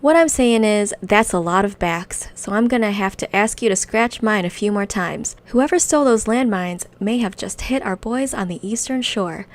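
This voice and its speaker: A woman's voice: medium pitch, lively intonation, moderate pace, few pauses, lightly acted. Sly, wheedling goblin fixer handing out favors, a woman reading him aloud. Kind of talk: reading quest text aloud in character.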